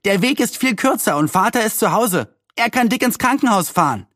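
A man's voice: sits high, lively intonation, fairly quick, a bit bright, dry recording, studio quality, pitched above the performer's own voice. A man voicing an eager, helpful neighbour boy in a storybook reading.

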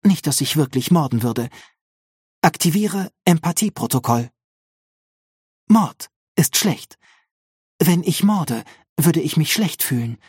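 Man doing a toneless deadpan nurse robot. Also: fairly high pitch, takes it slowly, long pauses, husky, no echo, clean studio sound, voice pushed up, exaggerated voice. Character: deadpan female nurse robot, dark humor.

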